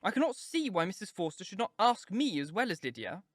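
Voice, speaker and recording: A man's voice: high-pitched, sing-song, brisk, a bit bright, dry recording, studio quality, voice pushed up, exaggerated voice. A man doing a peevish jealous young woman. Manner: peevish, complaining.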